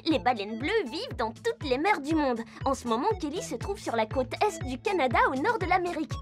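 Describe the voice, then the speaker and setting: A woman voices the narrator and heroine of a children's cartoon, a curious, cheerful little girl who travels to visit animal friends. Her high voice is very animated and fairly quick, bright-eyed and enthusiastic, heard over music.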